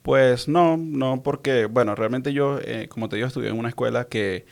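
Speaking at a normal pace in a gravelly, mid-range voice, a young Venezuelan-accented man talks as an interview guest. His personal account is casual and wandering, with words often repeated as he hunts for the right ones.

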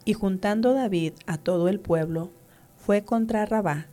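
A woman reading scripture aloud in a measured, even way. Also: medium pitch. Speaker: scripture reader.

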